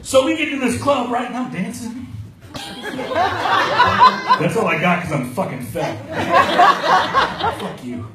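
This stand-up comedian, a man in his thirties from Maryland, speaks in an extremely high voice with huge pitch swings, slowly and with long pauses, telling brash, profane stories and acting out quoted voices at a small club. Filmed from the audience, his handheld mic sounds roomy and distant under heavy noise and loud laughter.

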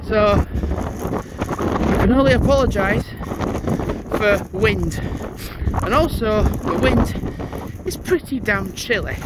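A man's voice: sits high, lively intonation, slow. A man, chatting casually as he walks outdoors with a handheld camera, thinking aloud and reading signs as he goes. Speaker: vlogger. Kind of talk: casual walking vlog narration. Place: outdoors on snowy paths by a stadium. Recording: wind noise on an outdoor mic.

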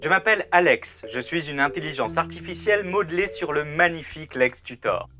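A man doing a bright, cheeky AI robot voice. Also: fairly high pitch, animated, brisk, faint music behind. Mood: deadpan. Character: male AI assistant, smug and cheeky.

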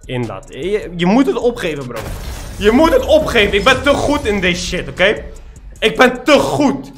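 A man's voice: high voice, big pitch swings, fairly quick, music in the background. A young man giving boastful, trash-talking commentary over his own gameplay. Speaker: gaming YouTuber.

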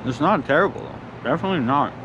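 A man's voice: fairly high pitch, expressive, fast talker. Man talking while chewing, outdoors. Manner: chatty, upbeat, filler-heavy. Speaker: pizza reviewer. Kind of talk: casual food review. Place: outdoors by a parking lot. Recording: outdoor traffic noise.

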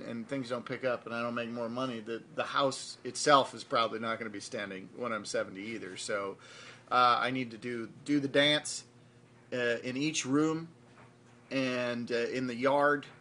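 A man's voice: medium pitch, fairly even intonation, moderate pace. A man in his thirties rambles with hesitant stops in a comic home vlog. He talks to a phone camera propped up inside his house, with faint noise under his voice. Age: 30s. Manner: rambling and hesitant, then loud chanting while dancing. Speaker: web show host. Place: rooms of a house. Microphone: phone camera propped nearby.

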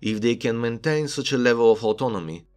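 A man's voice: mid-range voice, brisk, darkish tone. A man narrating a video essay, making his analytical case and reading story excerpts aloud. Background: background music.

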